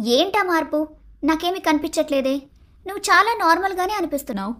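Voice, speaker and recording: A woman's voice: very high-pitched, expressive, fairly quick, a bit bright. Woman voicing a feisty, blunt young wife. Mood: puzzled. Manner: blunt, scolding. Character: young married woman, sharp-tongued and feisty. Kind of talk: Telugu storybook cartoon dialogue.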